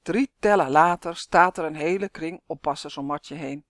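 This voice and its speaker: A woman reading a children's story aloud, lively and acting out the characters. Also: sits low, normal speed, dry recording, studio quality.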